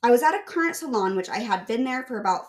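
A woman's voice: fairly high pitch, expressive, fast. Upbeat, chatty woman podcast host. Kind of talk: casual solo podcast talk.

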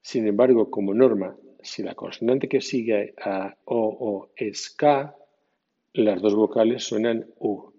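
A man teaching English pronunciation in a slow, measured lesson, spelling out letters and reading word lists one by one. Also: fairly low pitch, steady tone, mellow, husky. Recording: dull lo-fi audio with long reverb.

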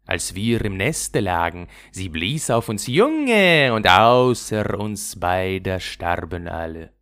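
A man's voice: sits low, sing-song, takes it slowly, a bit bright, full character voice. A man voicing cooing wood doves in a fairy tale, with a singsong manner. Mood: solemn.

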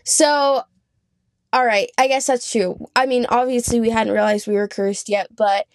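A woman's voice: on the high side, fairly even intonation, moderate pace, no echo, studio quality. A young woman co-hosting a podcast in casual chat, talkative and laughing often, with lots of "like". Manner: chatty, laughs often, says "like" a lot. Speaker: podcast co-host.

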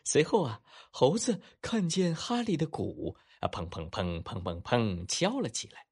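Husky-voiced man telling a children's story. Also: medium pitch, a little slow, soft background music. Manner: animated, warm-toned coaxing asides to kids.

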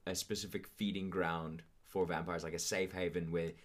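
A man with a deep, low voice co-hosts a casual podcast. He talks in a laid-back way, dropping slang like "dude" as he bounces ideas around. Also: level tone, normal speed. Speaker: podcast co-host. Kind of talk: casual brainstorming chat.

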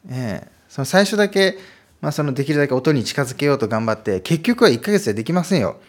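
A man talks through his points in a relaxed solo podcast, his pitch rising and dipping with lively movement. He explains in a friendly way, pausing on small fillers as he goes. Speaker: podcast host teaching Chinese. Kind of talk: casual solo podcast talk.

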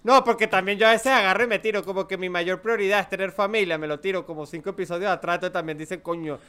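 A man's voice: high voice, fairly even intonation, quick pace, pushed and bright, smooth. A Venezuelan man in his thirties co-hosting a podcast, joking and self-mocking in slangy casual chat. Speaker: podcast co-host.

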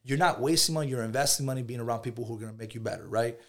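Fast-talking man telling his story. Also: medium pitch. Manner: animated, slangy, keeps saying "bro". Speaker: podcast guest, entrepreneur. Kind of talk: casual storytelling interview.

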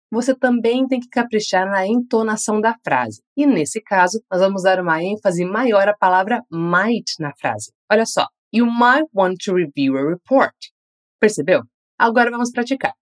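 A woman with a Brazilian Portuguese accent teaching an English lesson, saying model phrases slowly for learners to repeat and praising them after each drill. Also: medium pitch.

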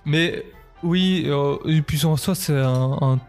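A man's voice: on the high side, takes it slowly, a little mellow, soft background music. Chatty man hosting a podcast. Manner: chatty and enthusiastic, full of hesitations. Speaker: podcast host. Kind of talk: casual podcast chat.

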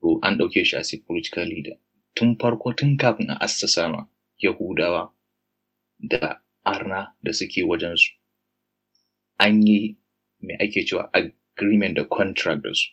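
A man's voice: low voice, moderate pace, a bit bright, breathy edge, rough recording. A man with a Nigerian Hausa accent talking in a casual discussion, explaining points while mixing Hausa and English.

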